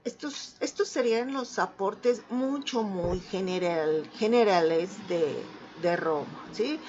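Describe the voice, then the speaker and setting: A woman's voice: mid-range voice, slow pace, a little mellow, highs cut off, a little hiss or hum. A woman teacher with a Mexican accent giving an online class lecture, patiently checking understanding as she goes. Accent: Mexican Spanish.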